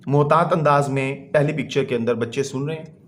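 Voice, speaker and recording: A man teaching a children's English lesson online, explaining in Urdu and reading English sentences out slowly. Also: mid-range voice.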